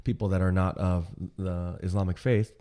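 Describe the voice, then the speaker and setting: A man's voice: low-pitched, level tone, normal speed, mellow. A man co-hosting a podcast, mostly agreeing and adding short, hesitant remarks in casual conversation. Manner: agreeable, brief interjections and hesitant restarts. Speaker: podcast co-host.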